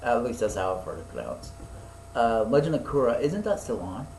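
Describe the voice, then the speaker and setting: A man's voice: mid-range voice, very animated, fairly quick, darkish tone. Guy in his 20s rambling on a podcast, lots of ums, swears a bit, echoey room. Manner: rambling, loose and profane, with many fillers. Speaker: podcast co-host. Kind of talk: casual chat. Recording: echoey room with faint noise.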